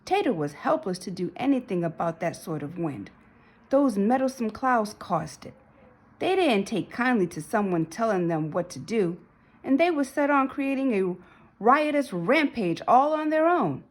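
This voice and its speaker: A woman with a rather high, very animated voice reads a children's storybook aloud at normal speed. As narrator, she tells the story dramatically and emphatically, giving an expressive read-aloud.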